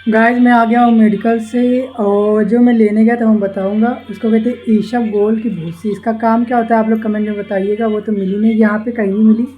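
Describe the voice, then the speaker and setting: This young Indian man talks to camera in a high-pitched, flat voice, speaking fairly fast with few pauses. In his casual vlog he shows viewers his village home, garden and roadside, recorded with dull audio.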